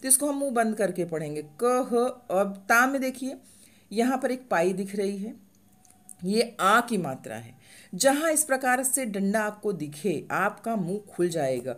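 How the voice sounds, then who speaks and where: A woman teaching reading step by step, asking the viewer questions and slowly drawing out each syllable as she sounds it. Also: mid-range voice, big pitch swings, a bit bright. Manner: slow, drawn-out sounding out of syllables; asks the viewer questions and answers them. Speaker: Hindi teacher.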